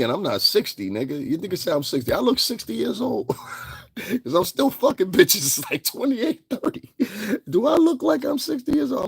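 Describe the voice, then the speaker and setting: A man's voice: fairly high pitch, vocal fry, slightly rough, no echo. A man, casually chatting on a live stream, brash and mocking, laughing often as he answers comments. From northeastern United States.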